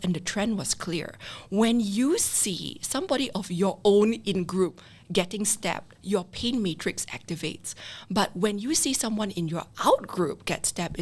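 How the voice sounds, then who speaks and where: Woman, Singaporean English accent, podcast guest, animated explainer, mid-pitched voice. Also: slightly rough. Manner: animated, acts out quoted people. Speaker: guest leadership expert. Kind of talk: podcast interview.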